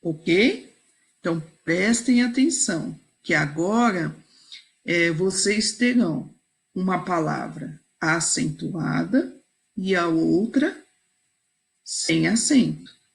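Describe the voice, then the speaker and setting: A woman's voice: on the low side, lively intonation, takes it slowly, creaky. A woman teacher leading a video lesson, patiently walking students through exercises and checking in often with "ok?" and "certo?".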